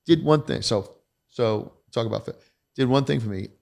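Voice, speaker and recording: Middle-aged male guest, gravelly voice, candid, emphatic storyteller. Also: medium pitch, normal speed, a little mellow. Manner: emphatic, blunt, self-deprecating. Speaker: podcast guest, retired federal agent.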